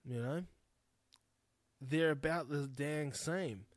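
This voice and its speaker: With a fairly high pitch and a slow pace, a New Zealand man in his thirties hosts a podcast alone without any echo. He talks bluntly and frankly, swearing freely while he rambles through a candid monologue.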